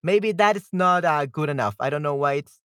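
Guy streaming, pretty high voice, super dry close sound, kinda hesitant, just chatting and thinking out loud. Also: brisk, smooth, no room sound. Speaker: livestream host. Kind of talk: casual livestream chat, troubleshooting audio.

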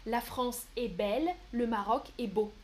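A woman's voice: on the high side, a little hiss or hum. A woman teaching French on a live stream, answering chat questions patiently with examples and frequent hesitations. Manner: patient, explains slowly with examples and frequent "euh"; playful, laughs at her own mistakes. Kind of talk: live-stream language lesson.

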